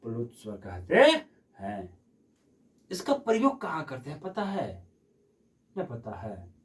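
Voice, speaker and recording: A man's voice: mid-range voice, wildly swooping pitch, slow pace, a little mellow, recorded from a distance. A man teaching a Hindi grammar lesson who repeats each question and answers it himself, stretching vowels to demonstrate.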